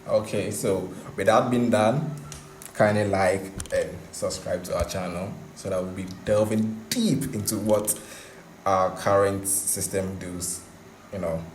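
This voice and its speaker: Speaking over a screen recording from an indoor room, a man walks through a coding tutorial casually and repeats points for emphasis. He sits low in pitch, keeps his intonation fairly even, and never hurries. Echo and a background hiss run through the recording.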